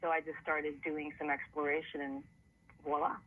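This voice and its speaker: A man's voice: fairly high pitch, flat delivery, normal speed, breathy edge. A man, an author, giving conversational, explanatory interview answers over a narrow phone line. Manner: explanatory, storytelling. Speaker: author and TV producer being interviewed.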